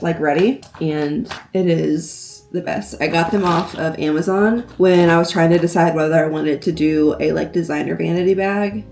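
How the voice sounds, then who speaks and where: A woman's voice: on the low side, dark tone. A young woman vlogging casually at home in her bedroom, rambling with lots of "like" fillers and sounding stuffed up from allergies. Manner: chatty, rambling, many "like" fillers. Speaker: lifestyle vlogger. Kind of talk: casual vlog chat.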